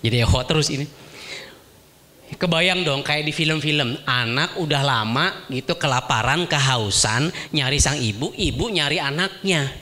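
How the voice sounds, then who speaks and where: A man preaching a sermon as an animated storyteller who acts out voices. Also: a little high, moderate pace.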